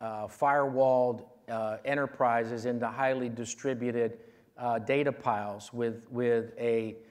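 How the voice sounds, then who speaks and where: A man's voice: mid-range voice, steady tone, darkish tone. Confident man answering keynote questions. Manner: measured, confident, frequent fillers. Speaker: keynote speaker. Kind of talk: conference keynote Q&A. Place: large conference hall stage. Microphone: lapel mic.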